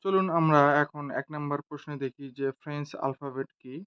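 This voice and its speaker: A man teaching a beginner lesson slowly and deliberately, spelling out letters one by one. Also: fairly high pitch, clean tone, muffled recording. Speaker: French teacher. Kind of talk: slow, measured language lesson.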